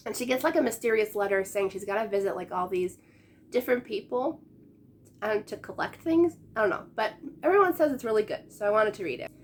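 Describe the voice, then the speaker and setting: Woman, late 20s, book vlogger; fairly high, slightly hoarse voice from a cold; chatty, upbeat. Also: slight background noise. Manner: chatty, upbeat, laughs often. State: sick, voice going. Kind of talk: casual chat to camera.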